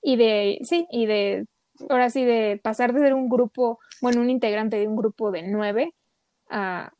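A woman's voice: fairly high pitch, measured pace, a little mellow. A woman co-hosting a casual podcast chat, talking with lots of fillers. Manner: chatty, many fillers. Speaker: podcast co-host.

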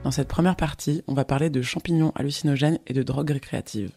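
A woman hosting a podcast, reading a calm, measured scripted intro. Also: low voice, creaky, soft background music. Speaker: podcast host.

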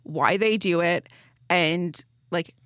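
Woman, thirties, rather low voice, earnest and self-deprecating, dry close mic. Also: takes it slowly, a bit bright, no echo. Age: 30s. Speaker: podcast co-host. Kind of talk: casual chat. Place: studio.

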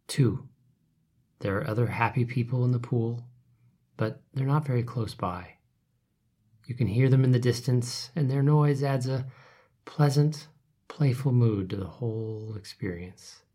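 Man, meditation guide, very slow, soft and soothing, fades to whispers. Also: mid-range voice. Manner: soft, calm, trailing off to whispers.

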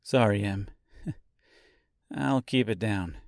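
A man voicing a quick-tempered, teasing eighteen-year-old girl in an audiobook. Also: on the low side, gravelly, dry recording, studio quality. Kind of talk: audiobook character voice.

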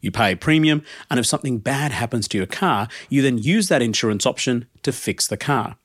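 A man's voice: medium pitch, expressive, a little fast, no echo, studio quality. A man hosting a podcast, giving a prepared explainer. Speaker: podcast host.

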